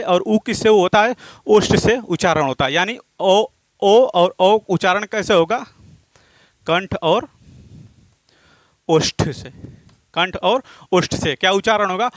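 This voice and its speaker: A man's voice: fairly bright tone, no room sound. A male teacher giving a grammar lesson. He asks his own questions, answers them and repeats the key points. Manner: drops low and slows down on answers, counts aloud.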